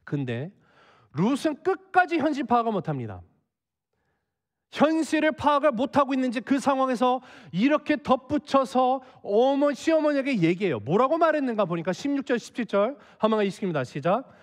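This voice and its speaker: A man's voice: very high voice, sing-song, moderate pace, long reverb tail. A man preaching a sermon as a pastor, acting out the characters' lines with emotion. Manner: acts out the Bible characters' dialogue with emotion. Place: church sanctuary.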